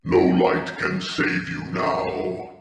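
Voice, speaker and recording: Very slow, menacing animatronic. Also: male voice, deep voice, monotone. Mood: ominous. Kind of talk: video game villain lines. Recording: echoing voice with music behind.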